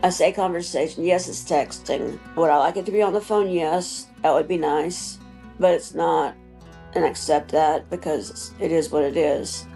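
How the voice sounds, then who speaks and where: A woman's voice: low voice, normal speed, dark tone, soft background music. A woman in her sixties speaking in a documentary interview, earnest and effusive. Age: 60s.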